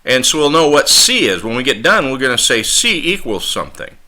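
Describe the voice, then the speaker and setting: A man's voice: medium pitch, very animated, a little fast, sharp tone. A man from the United States teaching a casual math lesson, chatting along and acting out both sides of a phone conversation.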